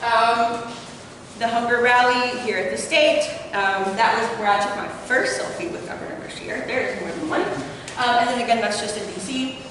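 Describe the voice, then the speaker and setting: Her voice sits on the high side, steady in tone and at normal speed, as a young doctoral student with an Appalachian accent informally presents her research in a lecture room. She often hesitates with fillers, and the distant recording picks up the hall's echo and noise.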